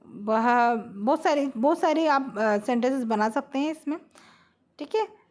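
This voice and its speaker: In an unhurried manner and with a darkish tone to her high voice, a woman teaches Hindi grammar at the blackboard. She goes through every rule with patience, repeats the sample sentences, and keeps confirming her students are with her.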